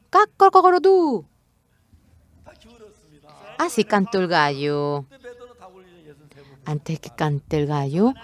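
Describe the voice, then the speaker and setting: A speaker interpreting a Bible sermon, telling the story expressively and acting out the quoted lines. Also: medium pitch. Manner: expressive storytelling, acts out quotes and rooster calls.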